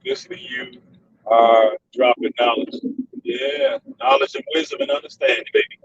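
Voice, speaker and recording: A man's voice: mid-range voice, huge pitch swings, normal speed, fairly bright tone, distant mic, muffled recording, a little hiss or hum. A man vlogging live from his car, talking casually and calling on his viewers to reply. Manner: chatty, keeps calling on viewers. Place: in a car while driving.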